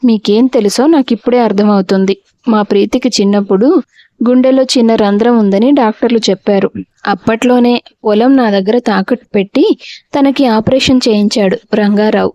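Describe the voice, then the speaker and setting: A woman reading the lines of a calm older village man who lends money, in an audio storybook. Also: a little high, normal speed, dry recording, close to an everyday voice. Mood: calm explaining. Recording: dull, dry lo-fi recording.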